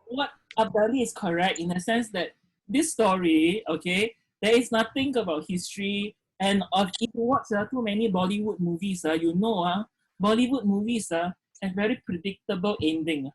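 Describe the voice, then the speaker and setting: Husky-voiced man lecturing online. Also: high-pitched, normal speed, rough recording. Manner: frequent "okay" fillers, questions students directly. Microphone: video call.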